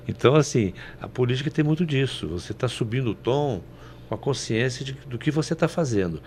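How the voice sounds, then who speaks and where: A man's voice: medium pitch, lively intonation, normal speed, darkish tone, slight background noise. A man from Brazil commenting on politics on a panel show, folksy and anecdotal, often ending with "né?".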